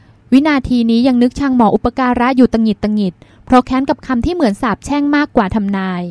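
A woman narrating a novel as an audiobook in a smooth, even storytelling manner. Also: a little high, fast, no room sound. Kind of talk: scripted narration.

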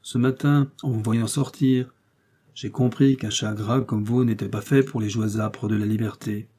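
A man's voice: on the low side, fairly even intonation, moderate pace, warm tone, close to an everyday voice. A man voicing a lean, proud stray tomcat who speaks curtly and with scorn in a storybook reading. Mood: calm. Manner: curt and scornful.

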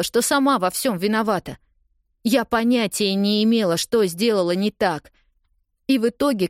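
Woman reading as upset young woman yelling at her guy, high pleading voice, dry close audiobook mic. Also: no room sound, close to an everyday voice. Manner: raised, pleading, accusing.

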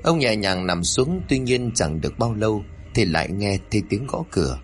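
A male storyteller reads a ghost story in a low voice with a lively, swinging melody. His telling is dramatic and suspenseful. A faint background hiss sits under the recording. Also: normal speed. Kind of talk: narrated horror story.

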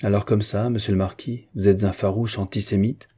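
A stout, ever-flushed old banker, as a male narrator reads him, presses his complaints with an eager reproach. The voice is low and husky, with a dark tone. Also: steady tone, a little fast. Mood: reproachful.

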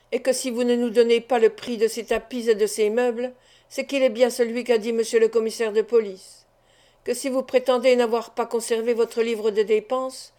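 A woman's voice: a little high, mellow, lightly acted. A woman reading a stern male investigating judge. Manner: severe, measured interrogation.

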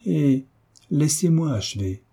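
A man's voice: a little high, animated, unhurried, vocal fry, mellow, breathy edge, heavily acted. A man voicing a cool, commanding young heiress in an audiobook, giving firm, clipped orders. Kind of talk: audiobook character reading.

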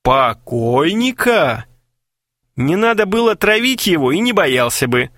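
A man's voice: sits high, sing-song, normal speed, a bit bright, dry recording, voice pushed up. A man voicing a cool, mocking young prankster who talks in a dry, matter-of-fact way.

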